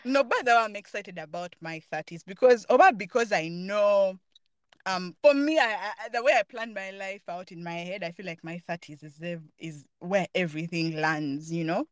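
A woman in her late twenties co-hosting a podcast, chatting in an animated way with many little interjections. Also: lowish voice, moderate pace, no echo, clean studio sound. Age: late 20s. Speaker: podcast co-host. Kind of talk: casual chat.

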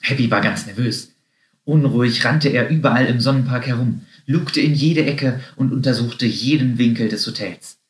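A man narrating a children's story in a lively, expressive way. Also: mid-range voice, normal speed. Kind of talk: storybook reading. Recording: roomy echo.

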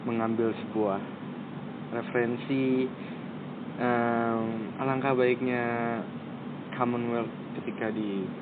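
A man with a mid-range voice talks haltingly, filling gaps with hesitations as he hunts for the right words. His voice comes through thin and phone-like, over a clearly audible noisy background. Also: medium pitch, fairly even intonation. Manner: hesitant, searching for words, many fillers. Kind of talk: casual conversation. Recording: tinny phone-like audio with clear background noise.

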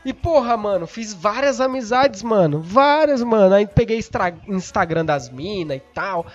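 A young man, hosting a podcast while stoned, rambling and excitable, swearing often and losing his thread. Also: high voice, normal speed, dull audio, soft background music. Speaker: podcast host. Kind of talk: casual rambling storytelling.

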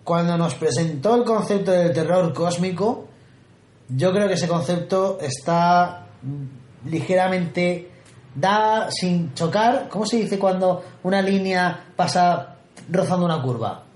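A man's voice: sits high, slow pace, darkish tone. A man from Spain co-hosting a casual film podcast, playful and often searching for words. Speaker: podcast co-host. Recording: echoey room.

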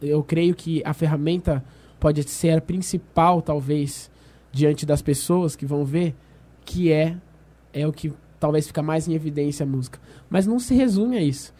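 A man tells a personal faith story in a relaxed conversation. His voice sits a bit high but sounds soft and mellow. He speaks earnestly, slips into the voices of the people in his story and restarts his sentences often. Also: normal speed. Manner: earnest storyteller, reenacts dialogue, frequent restarts. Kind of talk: casual faith testimony in conversation.

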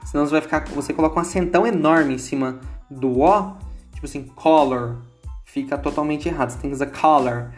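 Soft music plays behind a Brazilian-accented English teacher whose voice is fairly high and fast. In a relaxed, chatty lesson he says words repeatedly to show how they sound, checking in with "entendeu?".

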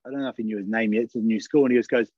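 A man's voice: on the low side, racing, dry recording. A man co-hosting a podcast, telling casual stories and acting out the lines of the people in them. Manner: animated storyteller acting out quotes. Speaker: podcast co-host. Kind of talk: casual chat. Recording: slightly dull, dry sound.

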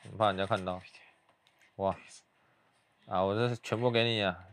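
A young man giving hushed, muttered play-by-play commentary as he reacts to a video. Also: on the low side, steady tone, normal speed.

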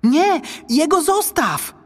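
A man voicing a brave, quick-thinking young boy in a spoken storybook, with eager exclamations. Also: very high-pitched, huge pitch swings, big-room sound, voice pushed up, full character voice. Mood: pleading.

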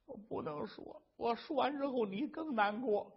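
A man's voice: very high voice, normal speed, vocal fry, slightly rough, muffled recording, pitched above the performer's own voice, exaggerated voice. A man voicing a distraught young wife who pleads through sobs. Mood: despairing. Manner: pleading, sobbing.

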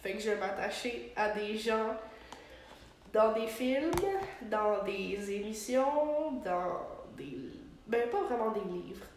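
A woman's voice: mid-range voice, slow. A young woman with a Quebec French accent, nasal and congested from a cold, chatting casually as a podcast co-host and slipping in English slang. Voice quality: nasal, stuffed-up with a head cold. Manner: slangy, mixing in English words. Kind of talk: casual, giggly chat. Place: echoey indoor room. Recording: very echoey room, background noise.

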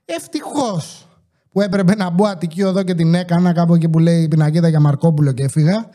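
A man's voice: a little high, flat delivery, mellow. A man hosting a podcast, telling a rambling comic story in a casual way, swearing freely and acting out the voices of the people he quotes. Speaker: podcast host.

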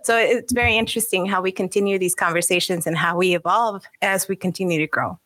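A woman's voice: mid-range voice, fairly even intonation, fast, a bit bright, no echo, studio quality. A woman hosting an interview, thoughtful and loosely paced, mixing Spanish phrases into her English. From Guatemala. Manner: bilingual, mixes Spanish phrases. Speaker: host. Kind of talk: conversational interview.

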